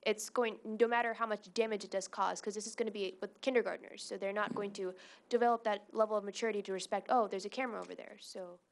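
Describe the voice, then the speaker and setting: Female trustee, mid pitch, questioning, stumbles and restarts. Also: steady tone, a little hiss or hum. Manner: halting, repeats words while framing questions.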